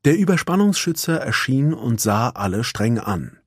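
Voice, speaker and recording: A man reads a storybook aloud with lively swings in his voice. His tone is husky, and the sound is dry and close. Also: mid-range voice, normal speed, dry recording. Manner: expressive. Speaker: narrator. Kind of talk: storybook reading.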